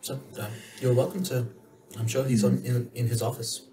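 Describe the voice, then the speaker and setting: A man's voice: mid-range voice, fairly even intonation, dark tone, recorded from a distance, slight background noise. A man narrating as game master in a tabletop game, talking loosely with fillers. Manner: loose, halting delivery with fillers.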